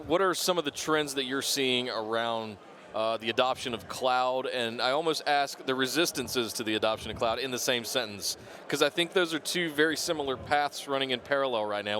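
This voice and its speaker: A man's voice: mid-range voice, a bit bright. A man hosting a live-stream interview in a chatty, informal, casual way. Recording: noisy busy event floor background.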